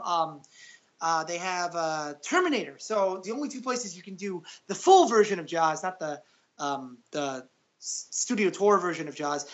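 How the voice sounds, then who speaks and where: A man's voice: sits high, fairly bright tone, muffled recording. A man chatting as a podcast guest, rambling with lots of uhs, ums and restarts. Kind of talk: casual podcast chat.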